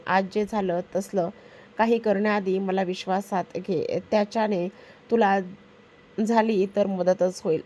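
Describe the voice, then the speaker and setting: A woman's voice: medium pitch, darkish tone, natural voice. A woman voicing a playful young man who protects his younger brother and teases his wife in a theatrical way. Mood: earnest. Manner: teasing, theatrical.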